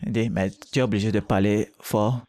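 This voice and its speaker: A man's voice: lowish voice, steady tone, normal speed, a little mellow, no echo, clean studio sound. A man preaching a sermon, emphatic and exhorting, with short repeated calls to the listeners.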